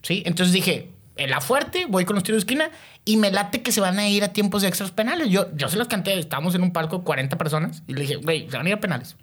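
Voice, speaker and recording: Animated Mexican man telling wild stories. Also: high-pitched, quick pace. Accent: Mexican Spanish. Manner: animated storytelling, loud exclamations, laughs, heavy slang. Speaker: podcast host. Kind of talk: casual podcast chat.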